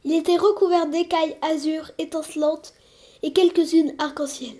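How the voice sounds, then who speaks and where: Lady reading a kids' story, high but mellow voice, lively. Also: moderate pace. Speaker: narrator.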